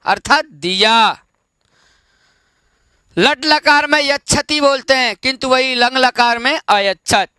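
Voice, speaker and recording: A man teaching an online Sanskrit lesson, explaining each word slowly and checking in with his students. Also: extremely high pitch, pushed and bright, smooth, no room sound. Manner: slow, explains word by word with repeated check-ins.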